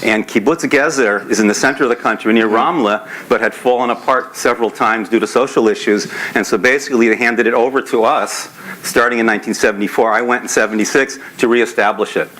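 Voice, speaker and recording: A man from the San Francisco Bay Area speaking on a conference panel, telling his story in a relaxed, steady way. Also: mid-range voice, a little fast, low-quality recording. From grew up in the San Francisco Bay Area. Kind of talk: panel talk.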